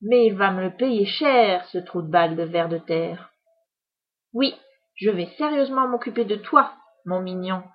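Woman doing Cornebidouille: a loud, boastful storybook witch, raised pitch, husky edge, dull recording. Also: lively intonation, a little slow. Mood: furious. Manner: theatrical, shouting insults with relish. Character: boastful furious female witch, grandiose and spiteful. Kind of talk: storybook reading.

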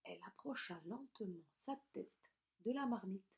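A woman reading a children's story aloud in a gentle voice, often dropping to a soft hush. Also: medium pitch, lively intonation, normal speed, creaky, very noisy.

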